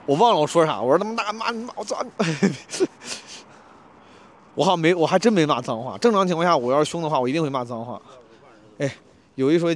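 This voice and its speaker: Fast-talking man telling a story. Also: a little high. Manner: animated, acts out quarrels in raised voice. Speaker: comedian vlogger. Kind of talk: casual storytelling vlog.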